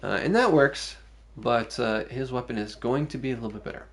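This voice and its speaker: A man's voice: medium pitch, brisk, fairly bright tone. A man streaming a video game, thinking aloud through his choices in casual commentary.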